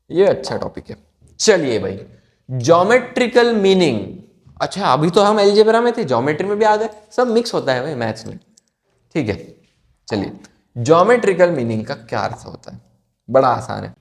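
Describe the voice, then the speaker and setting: A young man from India teaching maths in a casual, playful way, posing questions and answering them himself. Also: medium pitch. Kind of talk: casual classroom explanation.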